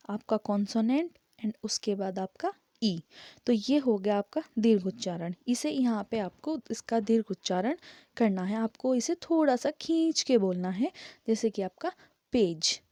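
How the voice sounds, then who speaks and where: A woman's voice: a little high, mellow, no room sound. A woman teaching English pronunciation, patiently spelling words out letter by letter and repeating them. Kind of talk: slow explanatory grammar lesson.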